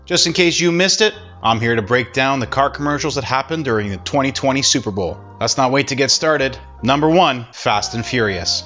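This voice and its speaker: A man's voice: mid-range voice, animated, fairly quick, few pauses, a bit bright, muffled recording, faint music behind. A man giving casual, sarcastic commentary as a vlogger, wisecracking about car commercials.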